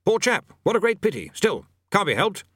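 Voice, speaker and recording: A man's voice: high voice, sing-song, normal speed, a bit bright, no room sound, clean studio sound, voice pushed up, exaggerated voice. A man voicing a fussy, nervous university bursar who stammers and is anxiously polite. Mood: flustered. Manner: flustered, stammering, overly polite.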